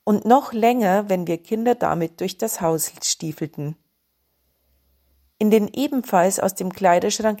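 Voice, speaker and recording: A woman narrating short stories in a calm, descriptive reading voice. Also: medium pitch. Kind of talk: storybook reading.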